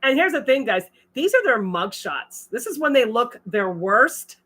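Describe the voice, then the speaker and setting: A woman's voice: a little high, big pitch swings, normal speed, a bit bright, breathy edge. A woman hosting a casual livestream, chatting and reading viewer comments aloud with frequent laughs. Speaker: livestream host.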